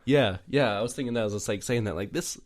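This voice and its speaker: A man's voice: mid-range voice, fast. A young man co-hosting a podcast, chatting casually in a rambling way with frequent fillers and laughs. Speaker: podcast co-host. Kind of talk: casual chat.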